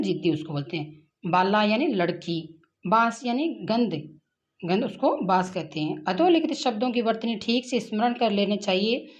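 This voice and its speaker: A woman teaching a grammar lesson for exam prep, reading out word lists slowly and deliberately, with short explanatory asides. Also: fairly high pitch, lo-fi sound. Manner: slow, deliberate listing of words with asides.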